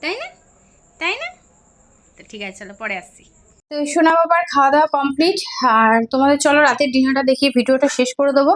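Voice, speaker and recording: A woman's voice: high voice, rapid-fire, a bit bright. A young woman, chatting casually to viewers in a home vlog, often cooing at her child. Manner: chatty, talks baby-talk to her child. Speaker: vlogger. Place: home indoors.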